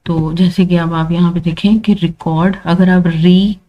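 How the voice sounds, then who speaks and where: A woman's voice: on the low side, steady tone, a little slow, muffled recording, slight background noise. A woman teaching English pronunciation rules, patiently repeating points and checking in with learners. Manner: patient, repeats points with frequent "thik hai" check-ins.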